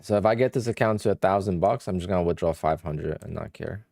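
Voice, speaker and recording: Here a young man with Polish-influenced English talks fast in a deep, creaky, slightly mellow voice. He trades during a casual livestream, thinking aloud and fielding viewer questions, and the sound is clean studio audio with no echo.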